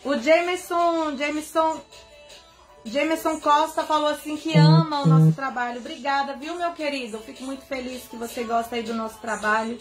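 Sitting on the bed in her bedroom, this high-voiced young adult singer from Bahia, Brazil, runs a casual live stream at normal speed. She's chatty and affectionate, giving viewers shout-outs by name, while soft music plays beneath the audio from a phone camera at arm's length.

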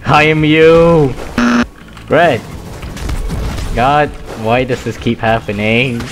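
A young man chatting casually while playing a game, excitable, often yelping and laughing. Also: mid-range voice, takes it slowly. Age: young adult. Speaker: gamer. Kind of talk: casual gaming chat. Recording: music playing underneath.

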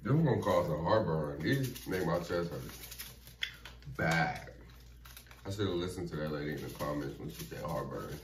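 A young man with a deep voice reacts while eating sour candy, talking in loose, slangy casual chat. He sounds a little distant from the microphone in a roomy space, with faint noise behind him. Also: lively intonation, normal speed. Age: young adult. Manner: slangy, informal. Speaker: challenge video co-host. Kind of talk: casual chat in a food challenge. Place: small echoey room indoors. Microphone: camera a few feet away.

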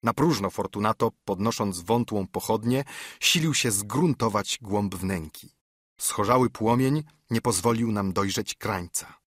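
Male audiobook narrator, husky and low, dry close recording. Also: measured pace, no room sound. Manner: steady storytelling, lifting pitch for quoted dialogue. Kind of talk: scripted narration.

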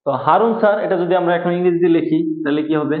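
A man teaching a grammar lesson, explaining slowly and repeating each rule. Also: fairly high pitch. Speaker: English teacher. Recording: echoey room over a thin phone-like line.

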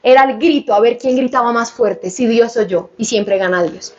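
A woman's voice: on the high side, moderate pace, darkish tone, muffled recording. A woman preaching a sermon at a healing retreat, fervently addressing her listeners and putting questions to them.

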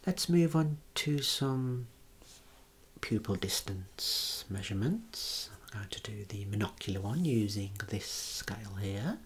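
In a clinical ASMR role-play, a man whispers softly, giving slow, careful instructions and gentle praise while demonstrating eye and head measurements. His voice is fairly low, husky, and animated.

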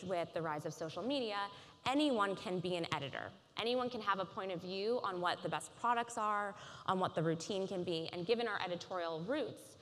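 Woman, thirties, keynote speaker, polished measured delivery, conference stage, long hall reverb. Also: fairly low pitch, a bit bright.

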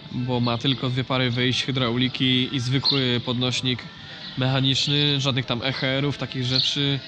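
A man's voice: mid-range voice, heavy background noise. A man with a nasal, congested voice from a blocked nose, explaining farm machinery in a casual, hesitant vlog style. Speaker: vlogger.

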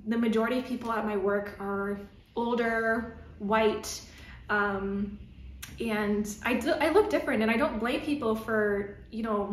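Speaking to the camera from her living-room couch, a young Canadian vlogger from Toronto keeps things casual and chatty, peppering her talk with "um" and "like" and moving her hands as she goes. Her pitch is a little high, and there's echo in the room.

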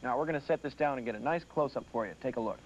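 A man's voice: mid-range voice, rapid-fire. A young man hosting a scripted comedy show in a goofy, mock-exasperated manner. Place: TV studio set. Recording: muffled noisy old VHS tape.

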